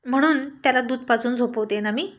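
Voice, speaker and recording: Young wife and mom in a story, worn out but fond, scolds with a laugh, kinda high voice, read by a woman. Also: a little fast, lightly acted. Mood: weary. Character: tired, affectionate young wife and mother.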